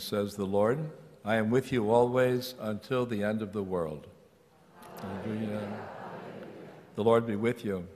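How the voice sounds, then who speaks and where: A man, a priest, proclaiming a gospel reading at Mass in a measured, slow way, his voice ringing with cathedral echo in a large church. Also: on the low side. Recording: long church reverb, room mic.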